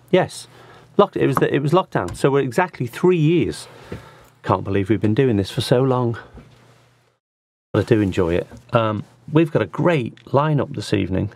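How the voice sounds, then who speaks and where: Guy hosting a music show, chatty and rambly, dry close sound, normal pitch. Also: no echo. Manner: rambling and jokey, with restarts and asides. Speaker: host of an online acoustic music show. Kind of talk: casual chat. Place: small studio.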